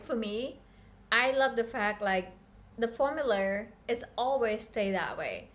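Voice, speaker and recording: Woman, live-stream tutorial, chatty, earnest, slow and deliberate. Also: mid-range voice, a bit bright. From Cambodia. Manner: chatty and earnest, addresses viewers as guys. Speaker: fashion pattern-making instructor.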